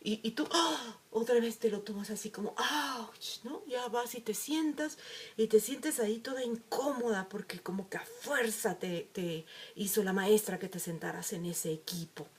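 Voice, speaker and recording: A woman's voice: mid-range voice, moderate pace. A woman giving a reflective talk, telling a story and acting out the quoted lines. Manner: storytelling, animated with acted quotes. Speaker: emotional wellbeing speaker.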